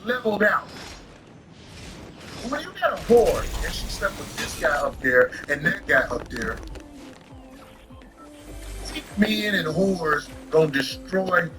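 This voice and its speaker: A man's voice: sits high, very animated, takes it slowly, pauses often, music in the background, poor audio. A man ranting casually, blunt and opinionated, arguing his point.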